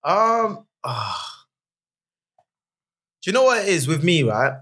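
A man's voice: a little high, very animated, rapid-fire, fairly bright tone, husky. A man with a London accent co-hosting a podcast, chatting casually in slang with frequent checking tags. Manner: repeats tags like "you know what I mean". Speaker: podcast co-host.

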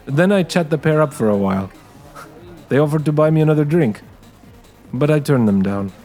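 Faint music sits behind a man whose voice is on the high side yet dark in tone, expressive and moderately paced. He narrates a first-person dramatized story in character as a wary, streetwise ex-con in a tech dystopia.

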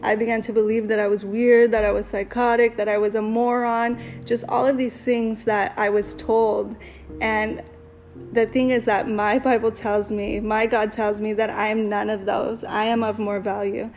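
A woman's voice: mid-range voice, level tone, moderate pace, darkish tone, faint music behind, poor audio. A woman co-hosting a casual talk, sharing a personal testimony in an earnest, rambling way with fillers. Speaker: podcast co-host.

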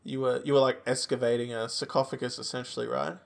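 A man's voice: mid-range voice, little pitch movement, fast, gravelly. An Australian man co-hosting a podcast, chatting casually and telling anecdotes. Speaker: podcast co-host.

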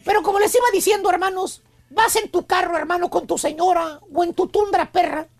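High gravelly Mexican man, joking host. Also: steady tone, brisk. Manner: mocking, teasing, mimics bossy wife. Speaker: radio show host. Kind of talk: comedic radio banter.

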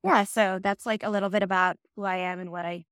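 A woman's voice: mid-range voice, fairly even intonation, fast, fairly bright tone, smooth, no echo, clean studio sound. A young woman from Bangladesh, a guest on a casual podcast interview, talking in an upbeat, chatty way with plenty of "like" and "you know" fillers.

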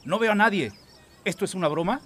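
A man's voice: high voice, quick pace, a bit bright, breathy edge. A man playing a pompous, blustering emperor and indignant father in a children's audio story. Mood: baffled, indignant.

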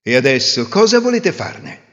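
A man's voice: mid-range voice, huge pitch swings, moderate pace. A man voicing a clever, self-assured young peasant hero in a folk tale. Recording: roomy reverb, dull lo-fi sound.

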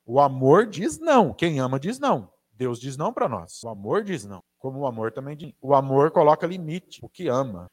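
A man with a Brazilian Portuguese accent, preaching a conversational sermon with asides to the audience. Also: medium pitch.

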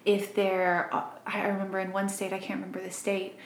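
A woman's voice: medium pitch, completely flat delivery, fairly quick, slight background noise. A woman in her twenties from Arkansas, co-hosting a true crime podcast in casual, chatty talk and laughing easily. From Arkansas, grew up in Missouri. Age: 20s. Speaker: podcast co-host. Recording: roomy echo.

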